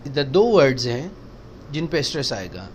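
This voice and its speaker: A man teaching spoken English, explaining slowly and repeating example sentences for practice. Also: mid-range voice, big pitch swings, a little hiss or hum.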